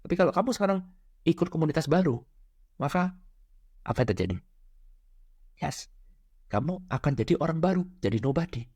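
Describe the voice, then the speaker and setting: A man's voice: brisk, pauses often, slightly rough, no room sound, studio quality. A man giving a casual motivational lecture, talking straight to his listeners and often checking that they follow. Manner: chatty, keeps checking with listeners ("betul ya?", "oke?"); animated, jumps up in pitch to stress points. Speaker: spiritual lecturer.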